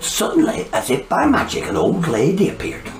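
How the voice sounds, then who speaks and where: A woman reading a children's storybook aloud in an animated, sing-song way. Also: lowish voice, moderate pace, reverberant, music in the background.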